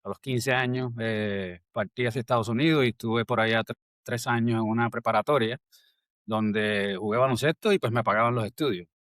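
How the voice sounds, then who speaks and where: A man, speaking as a guest in a casual interview, thoughtful and pausing to find words. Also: mid-range voice, fairly even intonation, a bit bright, no room sound, clean studio sound. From Puerto Rico. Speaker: guest, army colonel and entrepreneur.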